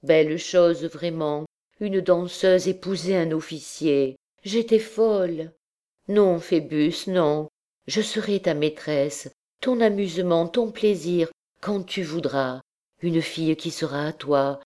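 A woman's voice: on the low side, takes it slowly, mellow. A woman voicing a young, desperate dancer girl who pleads passionately with the man she loves. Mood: devoted.

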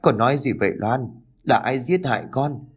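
A man's voice: mid-range voice, moderate pace, breathy edge, pitched above the performer's own voice. A man voicing a grieving elderly village mother, wailing and sobbing in a raised voice. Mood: bewildered.

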